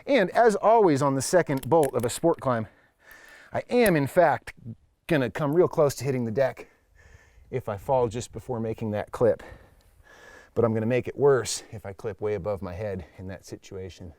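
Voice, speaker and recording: A man's voice: medium pitch, expressive, normal speed, darkish tone, no room sound. A man teaching as an instructor during a hands-on demonstration, explaining things in a plain-spoken way. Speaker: climbing instructor. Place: at a climbing wall or crag, speaking while climbing.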